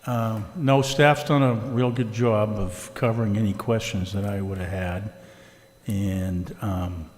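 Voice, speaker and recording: A man on a planning board, relaxed and dry-humored, giving brief comments at a public meeting. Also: lowish voice, a little slow, in a large hall.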